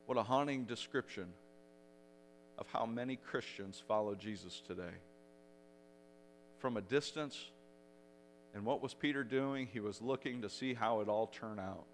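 A male pastor preaching a sermon in a mid-pitched voice. He retells the story dramatically, swelling louder for the shouted lines. A faint electrical hum sits under the recording. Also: moderate pace, long pauses. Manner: dramatic storytelling, rising loud for quoted shouts.

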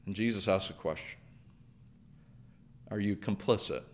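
A man's voice: fairly low pitch, unhurried. A man preaching a sermon, earnest, building through repeated phrases and questions. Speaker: pastor.

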